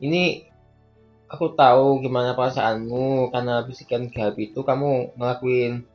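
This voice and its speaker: A man voicing every character in a game role-play skit, trading quick lines and breaking into excited shouts. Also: medium pitch. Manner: quick back-and-forth, jumps between characters, bursts of excited shouting. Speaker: content creator voicing all characters. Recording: dull lo-fi audio with faint background music.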